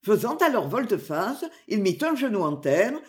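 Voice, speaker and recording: Narrator: a woman reading a storybook, dramatic and expressive, lively pitch. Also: moderate pace. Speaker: audiobook narrator.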